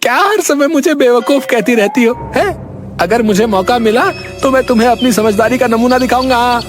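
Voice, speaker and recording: A woman voicing a high, whiny village dimwit. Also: lightly acted. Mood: boastful. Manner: whiny, dim-witted, drawn-out questions. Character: bumbling foolish village husband, middle-aged man. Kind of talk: cartoon voice acting. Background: background music.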